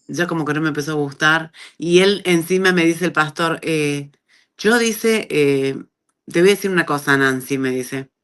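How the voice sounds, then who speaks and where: A middle-aged woman with an Argentine accent, telling her personal testimony in a conversational way and acting out the dialogue she quotes. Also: clean tone. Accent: Argentine Spanish. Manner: animated storyteller who acts out quoted dialogue with big pitch jumps. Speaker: guest giving a testimony.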